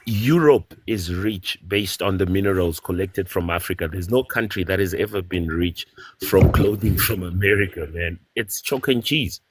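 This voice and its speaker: A man's voice: deep voice, moderate pace, slight background noise. A man arguing firmly as a caller in a heated live debate. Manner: argumentative, insistent.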